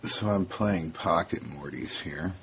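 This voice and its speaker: A man hosting his own video, musing aloud in a halting, casual way while sorting through a home kitchen and later describing a phone game. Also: low voice, slight background noise. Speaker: video host. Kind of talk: casual rambling commentary.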